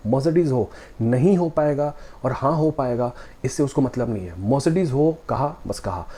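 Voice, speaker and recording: A man's voice: medium pitch, expressive, a little slow, warm tone. A man giving a motivational talk, speaking directly and conversationally to the viewer and asking rhetorical questions.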